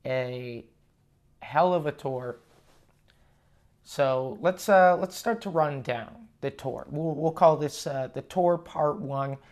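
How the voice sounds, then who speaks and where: A man hosting a casual solo podcast, rambling and halting with frequent swearing, recorded on a lav mic in an echoey room. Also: a little high, a little mellow. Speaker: podcast host and touring stand-up comedian. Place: condo room, indoors. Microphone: lavalier plugged into portable recorder.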